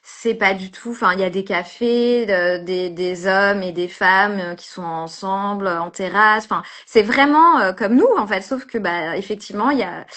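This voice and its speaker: A French woman, a street photographer, chats casually as an interview guest. Her mid-range, slightly bright voice moves at normal speed with few pauses, yet she sounds hesitant, full of fillers and restarts.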